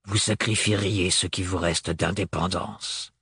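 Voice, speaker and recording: A man's voice: low-pitched, steady tone, a little slow, a bit bright, breathy edge, no echo, pitched below the performer's own voice, exaggerated voice. A man voicing a tall, stern and cold nobleman in an audiobook, curt and hard in his delivery.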